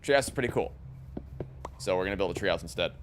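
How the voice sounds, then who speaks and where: A low-voiced man gives live commentary on a game stream, rambling and repeating words as he thinks. Clear background noise sits under his voice. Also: expressive, quick pace.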